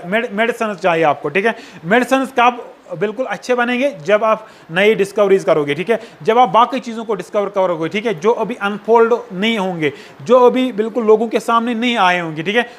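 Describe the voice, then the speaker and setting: A man giving a sociology lecture, often checking that students follow and mixing in English phrases. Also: high-pitched. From Kashmir. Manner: checks understanding with repeated tag questions, mixes in English phrases. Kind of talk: classroom lecture.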